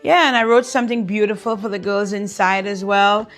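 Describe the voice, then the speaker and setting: A woman in a relaxed manner, explaining something to her viewers in a vlog. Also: medium pitch, a little fast, faint music behind. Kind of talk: vlog talk to camera.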